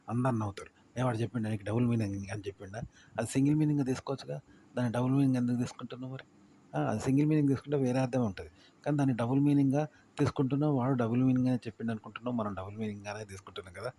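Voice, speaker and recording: A man's voice: mid-range voice, dark tone, a little hiss or hum. A man explaining YouTube tips in casual talk, rambling and repeating his points as he asks the listener if they follow. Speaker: YouTube creator giving tips.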